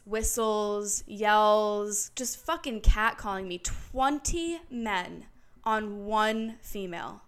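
Smooth-voiced woman in her late twenties. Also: mid-range voice. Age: late 20s. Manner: candid and profane, retelling with emphatic repetition; grows louder and more heated when recounting the incident. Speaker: podcast host. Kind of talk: casual solo storytelling monologue.

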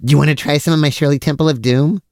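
A man's voice: a little high, fairly even intonation, rapid-fire, a little mellow, no echo, clean studio sound, natural voice. A man playing a cheerfully oblivious, food-loving brother who is vain about his mustache, in a comic audio drama. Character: mustache-proud, food-loving, easily distracted silly brother.

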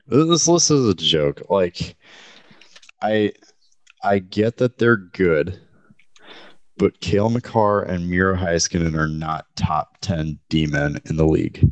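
A man's voice: low voice, expressive, slow, no room sound, dull audio. A man co-hosting a casual sports podcast, blunt and opinionated.

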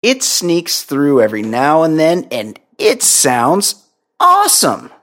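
A woman co-hosts a podcast in a casual chat, reading listener emails aloud and teasing with wry, quick jokes. Her voice is low and sing-song with a fairly bright tone.

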